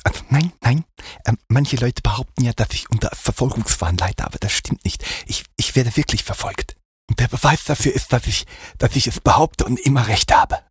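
A man playing an insistent, self-righteous paranoid character who stammers in a husky, partly voiceless voice. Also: medium pitch, normal speed, no room sound, clean studio sound, pitched above the performer's own voice. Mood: agitated, insistent.

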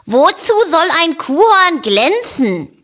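A woman voicing an excitable male rabbit in a storybook reading, eager and grumbling by turns. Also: very high-pitched, slow, voice pushed up, full character voice.

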